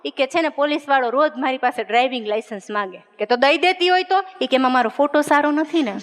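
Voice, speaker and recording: A woman's voice: high-pitched, fast, background noise. A woman comedian, telling chatty stand-up jokes and acting out the dialogue of the people in them. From Gujarat, India. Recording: long hall reverb.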